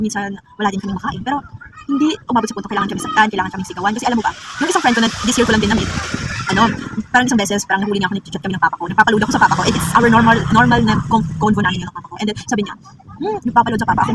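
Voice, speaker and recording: Very fast-talking young woman vlogger. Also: medium pitch, recorded from a distance, heavy background noise. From Philippines. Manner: chatty, confiding, addresses viewers as girl. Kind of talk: casual confessional vlog.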